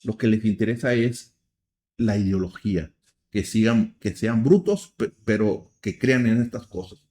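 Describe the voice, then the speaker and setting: A man's voice: lowish voice, animated, a little slow, mellow. Mexican man, earnest religious commentary. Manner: earnest, with frequent restarts and fillers. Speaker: program host.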